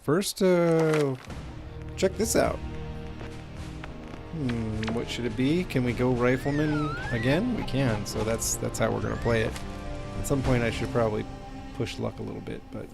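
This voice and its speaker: A man's voice: mid-range voice, measured pace, creaky, long pauses, music in the background. A man giving casual, self-deprecating gameplay commentary, thinking aloud as he streams. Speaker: game live streamer.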